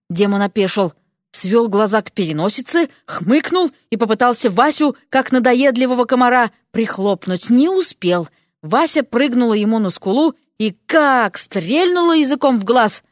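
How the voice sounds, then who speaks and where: A woman narrating a fantasy story in an expressive, lively reading. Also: on the high side, dry recording, studio quality. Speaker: audiobook narrator.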